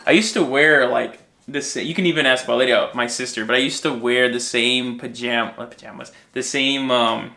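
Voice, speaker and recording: A young American man raised in Minnesota tells personal stories on a podcast in a casual, meandering, self-deprecating style, appearing as guest and co-host. His mid-range voice is steady and moderately paced, bright and forceful with vocal fry, and he rarely pauses.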